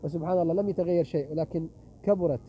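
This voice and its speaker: A middle-aged man delivers a sermon at a religious gathering in a high voice, hurrying and emphatic as he throws rhetorical questions at his listeners. The recording is muffled, with faint noise behind him. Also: very fast. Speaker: visiting preacher. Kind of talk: sermon with closing prayer.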